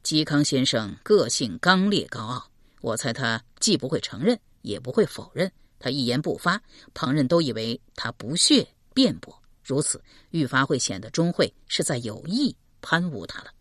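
A woman voicing a calm, scheming male general who explains his plan slowly and carefully. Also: very deep voice, no echo, clean studio sound, pitched below the performer's own voice, exaggerated voice. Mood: measured, explaining. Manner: slow measured explaining.

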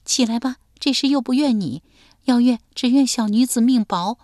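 Woman voicing a young woman, meek, humble, tearful, high-pitched, lively pitch. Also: fairly quick, dry recording, clean studio sound. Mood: tearful, pleading. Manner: meek, self-effacing, calls herself 小女子.

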